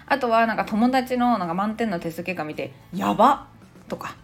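Woman, 30s, podcast language teacher; chatty, playful, very animated delivery. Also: mid-range voice, brisk, soft background music. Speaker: English teacher and podcast host. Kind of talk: casual podcast language lesson.

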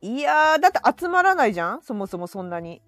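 A woman co-hosting a casual online radio chat, talking quickly and playfully insisting on her point. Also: fairly high pitch, very animated, a bit bright, no echo, faint music behind. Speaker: regular co-host.

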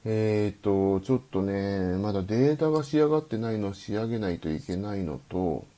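Low mellow guy rambling on a late-night live stream, reading comments out, voice swinging all over. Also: expressive, fairly quick. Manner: rambling, reads listener comments aloud and answers them. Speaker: host of a live diet radio stream. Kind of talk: late-night solo live radio chat.

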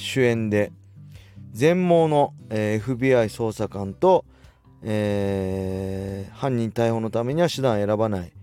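A man's voice: on the low side, warm tone. A man in his forties hosts a solo talk show, chatting loosely with many fillers and reading out listener letters. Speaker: podcast host and fighting gym owner.

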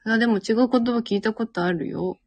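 A woman's voice: fairly high pitch, fairly quick, a little mellow, slightly rough, dry recording. A woman in her twenties with a Miyazaki dialect, co-hosting a casual chat podcast, talking freely and laughing often. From Miyazaki, Japan. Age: 20s. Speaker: podcast co-host.

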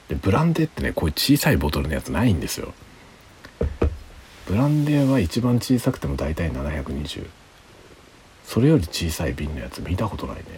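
Tipsy male streamer, very low pitch, lively intonation, quiet rambling late-night chat. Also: slight background noise, poor audio. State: drinking alcohol, tipsy. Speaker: livestream host.

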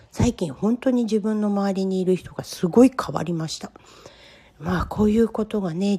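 Low husky-voiced woman in her fifties. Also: mellow. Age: 50s. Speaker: podcast host. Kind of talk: solo personal podcast talk.

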